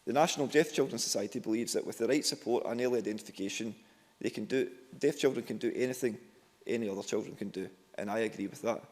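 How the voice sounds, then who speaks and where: A Glaswegian man delivers a formal, prepared speech to parliament in a fairly low voice. It is recorded in a large chamber with long, echoing reverb. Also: darkish tone. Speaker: member of parliament. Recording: echoey hall with long reverb.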